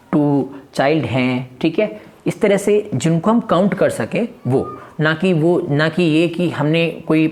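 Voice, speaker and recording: A man's voice: on the high side, a little mellow. Man teaching, quizzing and answering himself. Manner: asks questions and answers them himself. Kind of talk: exam-prep grammar lesson.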